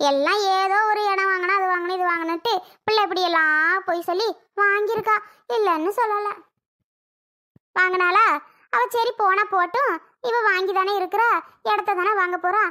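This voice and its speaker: A woman putting on a grieving old mother for a cartoon, her voice very high and bright as she wails and complains. She sounds tearful and wronged throughout. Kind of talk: animated cartoon voice acting.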